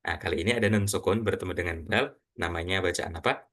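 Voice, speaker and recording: A man teaching Quran reading to a class, quizzing students and slowly reciting example words. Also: low-pitched, fairly even intonation, a bit bright. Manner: patient, asks students questions, models recitation slowly.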